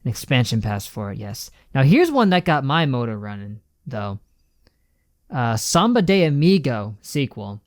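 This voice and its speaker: Animated man on a reaction stream. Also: medium pitch, moderate pace, no echo, studio quality. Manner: animated, emphatic, slangy. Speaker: streamer reacting to a game showcase. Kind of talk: casual ranting reaction commentary.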